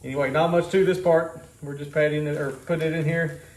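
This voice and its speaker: A man's voice: fairly high pitch, fairly even intonation, a little fast, darkish tone, echoey room. A man casually explaining a home cooking task in a rambling, easygoing, self-joking way. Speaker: homestead vlogger. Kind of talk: casual how-to vlog.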